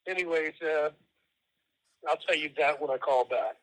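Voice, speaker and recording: A man calling in from prison over the phone line, talking in a halting, matter-of-fact way and often repeating his words. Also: a little high, fairly bright tone. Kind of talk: candid phone call.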